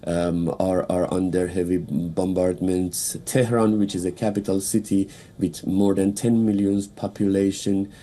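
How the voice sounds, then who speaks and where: Low-pitched, mellow, and flat in delivery, with a little hiss or hum, this Persian-accented English comes from an Iranian political analyst. He's being interviewed live on the news, halting and restarting often amid plenty of fillers.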